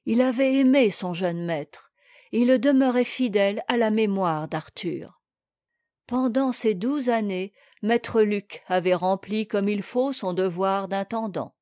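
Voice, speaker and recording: A woman reading a classic tale aloud in a measured, expressive way. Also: mid-range voice, no room sound, studio quality. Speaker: audiobook narrator. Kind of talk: storybook reading.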